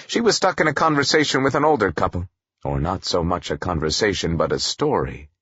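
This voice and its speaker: A man narrating a first-person audiobook in a wry, expressive storytelling manner. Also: sits low, a little fast, breathy edge, dry recording, muffled recording.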